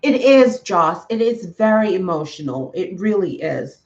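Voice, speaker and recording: A woman's voice: mid-range voice, animated, measured pace. A woman with a mid-range voice hosts a casual live chat, sounding a little far from the mic and slightly muffled. She speaks in an emphatic, encouraging manner and circles back to repeat her phrases. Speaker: livestream host.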